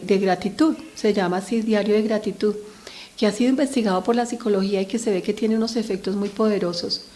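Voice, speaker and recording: An earnest middle-aged woman speaks straight to parents at a medium pitch. She talks about raising children with steady conviction and keeps drawing her listeners in with little questions. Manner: earnest, speaks directly to parents, frequent "¿cierto?" tag questions. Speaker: speaker on family mental health. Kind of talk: talk addressed to parents.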